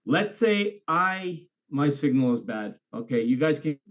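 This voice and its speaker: A man's voice: fairly high pitch, lively intonation, measured pace, fairly bright tone. An enthusiastic man on an online group call asking questions, his voice coming through a bad, breaking-up internet connection. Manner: enthusiastic, emphatic, repeats for stress. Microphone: computer or phone on a video call. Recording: dull lo-fi internet call audio.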